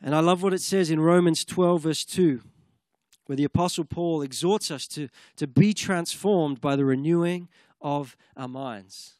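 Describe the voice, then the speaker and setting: An earnest man delivering a sermon, his voice sitting a little higher than most men's. The sound is dry and close, with no room echo. He sometimes moves into fervent spoken prayer. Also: measured pace, darkish tone. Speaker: preacher.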